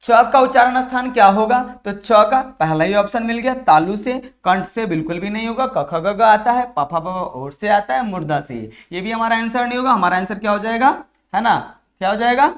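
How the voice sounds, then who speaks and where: This is a man with a high voice and a Bihari Hindi accent, teaching grammar for an exam. He keeps putting the same question to the class and then answers it himself, calling his viewers dear children. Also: animated, moderate pace, few pauses. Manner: drills students with repeated questions and answers. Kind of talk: exam-prep lesson.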